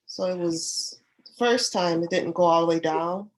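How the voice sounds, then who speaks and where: Stuffed up lady w lowish voice, lax n halting, just chatting. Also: a little hiss or hum, low-quality recording. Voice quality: congested, stuffy-sounding. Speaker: sewing group member showing her projects. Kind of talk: casual chat.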